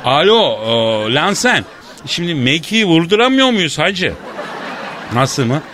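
A man hosting a radio comedy show, bantering loudly and staging a mock phone call in a teasing, mock-indignant way. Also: a little high, very animated, unhurried, a crowd in the background, background noise.

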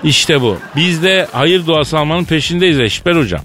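A man's voice: on the high side, animated, normal speed, fairly bright tone, slight background noise. A man hosting a comic radio show, bantering and acting out a mock phone call.

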